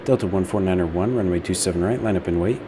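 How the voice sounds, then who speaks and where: A man with a low voice works as an air traffic controller, firing off clipped instructions very quickly. Loud noise runs behind his procedural commands. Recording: very noisy, loud airfield sound.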